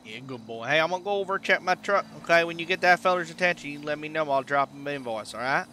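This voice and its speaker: A man's voice: a little high, animated, quick pace, bright, forceful tone, a little hiss or hum. A man playing a friendly, folksy country tow-truck driver with a drawling way of talking, in a game role-play. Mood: easygoing.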